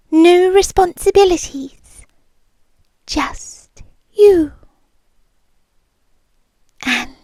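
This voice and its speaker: A woman doing ASMR roleplay takes on the part of a possessive, obsessive young girlfriend, whispering in a soft, breathy, high voice with a British accent and an exaggerated manner. She lingers slowly and intimately over each word, menacingly sweet. The close-miked sound is dry, with no echo or room.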